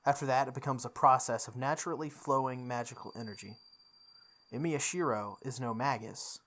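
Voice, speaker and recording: The voice is mid-range with a fairly bright tone, belonging to a video game playthrough host who reads visual novel text aloud dramatically. Game music sits behind it.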